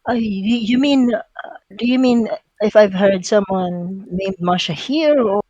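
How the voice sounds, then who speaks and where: A woman voicing a frail, kindly old elf woman who is blind, with halting, formal, gentle speech. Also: mid-range voice, no room sound, dull audio, natural voice.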